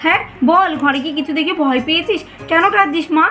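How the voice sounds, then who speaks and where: A woman's voice: extremely high pitch, pushed and bright, soft background music. A woman voicing an exasperated mother who nags her crying daughter in a cartoon. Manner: brisk, nagging. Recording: clear noise and clicks behind.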